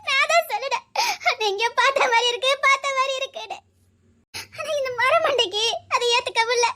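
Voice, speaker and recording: Woman playing a sobbing, very high-voiced reunited aunt. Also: brisk, sharp tone. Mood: crying reproach. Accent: Tirunelveli Tamil. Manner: sobbing, pleading, half laughing through tears. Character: tearful woman reunited with a lost boy she raised. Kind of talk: Tamil web drama acting.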